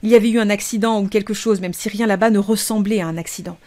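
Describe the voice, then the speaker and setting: A woman streamer reading a short story aloud in a measured, steady narration. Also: mid-range voice. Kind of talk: audiobook reading.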